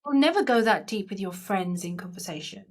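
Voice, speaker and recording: A woman co-hosting a coaching podcast, explaining ideas earnestly in a relaxed conversational way, often restarting her sentences. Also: medium pitch, brisk.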